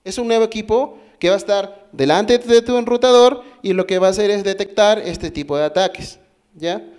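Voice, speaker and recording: In a conference hall, a man from Peru with a Peruvian Spanish accent presents a technical talk at normal speed, his high voice darkish, clear and resonant. He explains things step by step, asks his listeners questions and often starts his sentences over.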